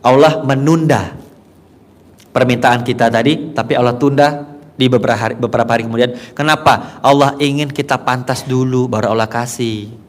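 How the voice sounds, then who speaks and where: A man preaching a sermon to a crowd, swinging from hushed, low lines to loud, high ones. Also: fairly even intonation, normal speed. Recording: long hall reverb.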